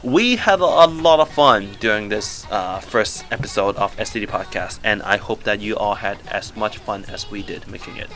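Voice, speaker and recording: A man's voice: fairly low pitch, normal speed, few pauses, fairly bright tone, soft background music. A young man from Canada co-hosting a podcast, joking in upbeat, rambling casual chat from a small home studio. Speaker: podcast co-host.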